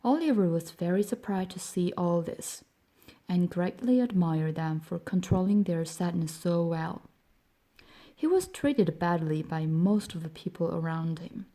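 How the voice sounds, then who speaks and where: A woman narrating an audiobook in a gentle, measured way that often drops to a hush. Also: lowish voice.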